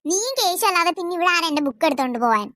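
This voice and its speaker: A high, bright voice of a sulky older daughter in a cartoon, whining and accusing her younger siblings, as a woman puts her on. The recording is close and dry. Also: lively intonation, racing, no room sound. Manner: complaining, accusatory. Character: aggrieved teenage elder daughter, sulky and complaining.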